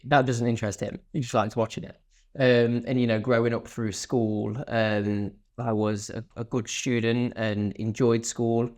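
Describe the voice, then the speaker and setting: A man's voice: medium pitch, level tone, a little slow, a little mellow. A man hosting a podcast, asking curious questions and sharing his own experiences in casual conversation. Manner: curious, affirming listener. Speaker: podcast host.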